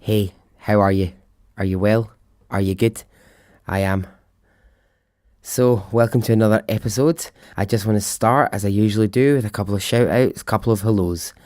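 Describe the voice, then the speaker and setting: A man's voice: on the low side, moderate pace, a little mellow, dry recording. A man with a thick Scottish accent hosting a storytelling podcast in a chatty, informal, sweary way, close to the microphone. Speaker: podcast host.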